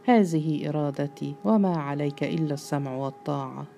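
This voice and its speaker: امرأة تؤدي دور أب عجوز صارم ومتسلط يأمر بنبرة مهددة في قصة مسموعة. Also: female voice, sits low, fairly quick, gravelly, warm tone, a little hiss or hum. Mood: commanding. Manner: commanding, menacing. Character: stern, domineering old patriarch man.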